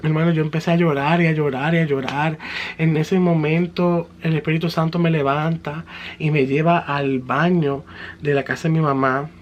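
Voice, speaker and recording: A man's voice: on the high side, steady tone, normal speed, dull audio, slight background noise. Fervent man telling his testimony. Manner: earnest, fervent storytelling mixing in English words. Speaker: person giving a religious testimony. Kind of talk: personal testimony storytelling.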